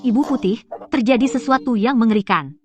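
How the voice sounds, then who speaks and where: A woman's voice: on the high side, fairly quick, natural voice. A woman playing a servant who urgently reports bad news in a dubbed TV drama. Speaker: household assistant.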